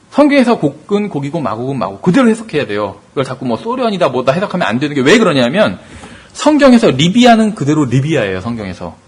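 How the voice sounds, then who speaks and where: Man, pastor lecturing on scripture, high lively voice, brisk delivery. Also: husky. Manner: explanatory, ends points with rhetorical questions. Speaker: pastor teaching Bible study. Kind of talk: Bible study lecture.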